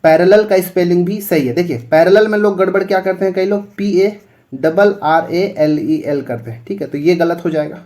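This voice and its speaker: A man's voice: high-pitched, normal speed, a little mellow. A male teacher explaining English spellings for exam preparation, spelling words out letter by letter and checking in often.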